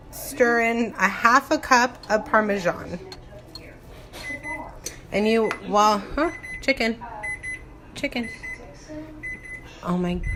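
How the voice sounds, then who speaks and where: Fairly high-pitched and bright, a home cook gives a casual, loose cooking demonstration for a video, recorded on a phone in her kitchen. She thinks out loud and wanders into playful tangents amid the clatter of dishes and pans.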